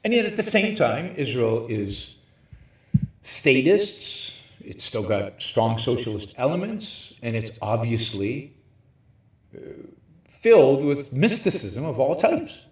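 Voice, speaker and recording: A man hosting a livestream, lecturing emphatically from a hotel room with very high ceilings, his voice carrying a hollow cave-like echo. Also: big pitch swings, slow pace. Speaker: show host. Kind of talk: livestream talk on philosophy.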